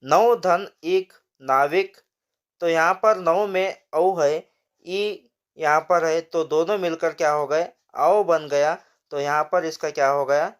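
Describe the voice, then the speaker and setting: A man's voice: a little high, steady tone, unhurried, clear, resonant tone. A male teacher explaining a grammar lesson, asking rhetorical questions and walking students through each example.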